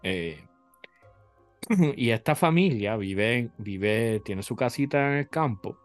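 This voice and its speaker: A man co-hosting a podcast, telling a legend in a relaxed, measured way. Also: mid-range voice, faint music behind. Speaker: podcast co-host. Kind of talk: casual storytelling chat.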